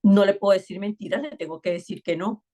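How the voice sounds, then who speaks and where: Animated woman teaching a church class. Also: medium pitch, fast. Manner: animated storyteller who acts out quoted voices.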